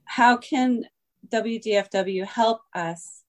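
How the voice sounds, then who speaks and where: A woman's voice: a little high, slow. Woman phoning into a meeting, reading her comment, serious, a few ums. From Washington State. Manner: earnest, reads from notes, some ums. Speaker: caller. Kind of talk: prepared public comment. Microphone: phone call-in.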